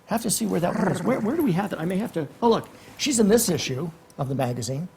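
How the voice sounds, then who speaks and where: A man's voice: high voice, expressive, fast, creaky, dark tone, a little hiss or hum. A man hosting a casual interview show, effusive and rambling as he introduces and questions his guest. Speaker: talk show host.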